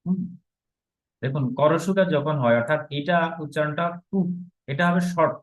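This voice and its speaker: A man's voice: a little high, moderate pace. A man teaching a grammar lesson, explaining step by step and asking the class rhetorical questions. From Bangladesh. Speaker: Sanskrit teacher. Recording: slightly dull, lo-fi recording.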